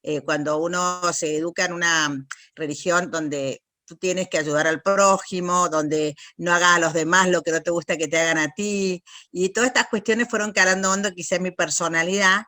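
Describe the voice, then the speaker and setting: Bright-voiced Argentine woman, reflective. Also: on the low side, fairly even intonation, moderate pace, no room sound, studio quality. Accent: Argentine Spanish. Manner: thoughtful, often adds "¿no?" tags. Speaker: interview guest, lawyer and researcher. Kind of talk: reflective interview answers.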